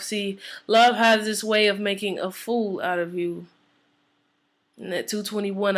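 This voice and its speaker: A woman reciting her own spoken word poem in a conversational, emotional rhythm. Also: mid-range voice.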